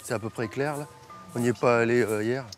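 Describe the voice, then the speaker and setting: A man's voice: medium pitch, steady tone, brisk, soft background music. A man on holiday talking casually to his partner, making short offhand remarks. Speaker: tourist. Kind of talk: casual on-location chat.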